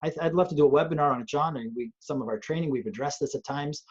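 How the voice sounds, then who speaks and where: A man's voice: a little high, fast talker, darkish tone, husky, highs cut off. A man, a police trainer, talking earnestly and thoughtfully on a webcast, often restarting his sentences. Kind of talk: conversational webcast talk. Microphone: video call.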